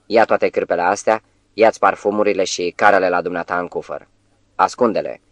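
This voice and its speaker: Man reading exultant young witch, audiobook, deep low voice, dry close sound. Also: fairly even intonation, dry recording, close to an everyday voice.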